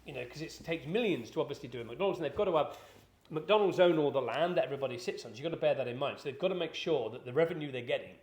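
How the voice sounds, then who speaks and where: A man's voice: on the high side, animated, rapid-fire, a little mellow. Rambling man in an echoey room. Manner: rambling, conversational, many fillers and restarts. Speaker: business podcast host. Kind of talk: casual explanatory chat.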